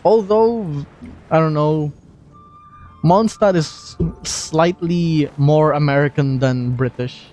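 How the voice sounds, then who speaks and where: A man's voice: fairly high pitch, takes it slowly, a little mellow, soft background music. A man streaming a game, chatty and self-deprecating, commenting casually. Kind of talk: casual commentary while gaming.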